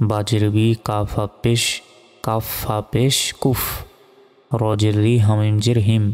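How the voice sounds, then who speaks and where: A man teaching Quran reading, slowly spelling out Arabic letter by letter and reciting the verses in a drawn-out, melodic way. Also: on the low side, level tone, mellow, clean tone, long reverb tail, soft background music.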